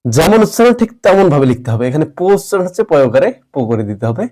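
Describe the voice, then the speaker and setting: A man teaching a grammar lesson, explaining rules patiently step by step and repeating words slowly. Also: on the high side, big pitch swings, mellow.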